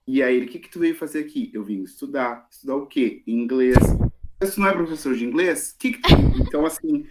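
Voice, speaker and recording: Gaúcho man, guest speaker, talkative and lively, video call audio, average pitch. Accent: Gaúcho Portuguese. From southern Brazil. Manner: lively and chatty, often asks "né?". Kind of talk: online talk with students.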